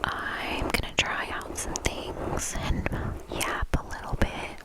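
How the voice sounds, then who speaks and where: Woman in a soft ASMR whisper. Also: slow pace. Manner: lingers on and repeats soft words. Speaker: host of a knitting ASMR channel. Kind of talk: whispered ASMR, casual rambling.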